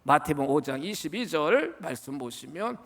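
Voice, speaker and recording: A man preaching a Sunday sermon as pastor, emphatic and calling out to his congregation, swinging between loud exclamations and hushed asides. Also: fairly high pitch, sing-song, moderate pace. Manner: repeatedly addresses the congregation, asking them to repeat words. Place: church sanctuary.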